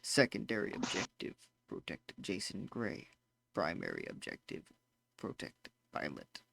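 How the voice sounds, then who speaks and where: A man voicing a gravelly glitching robot. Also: sits low, huge pitch swings, a bit bright, dry recording, heavily acted. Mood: glitching monotone. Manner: halting, stuttering, clipped machine phrasing. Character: glitching damaged robot, stuttering and repeating errors. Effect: glitching robot voice, words breaking and repeating.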